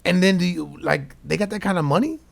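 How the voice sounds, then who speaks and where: A man's voice: high-pitched, a little fast, gravelly, no room sound. A man co-hosting a podcast with casual banter and slangy frat-bro talk. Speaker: podcast co-host.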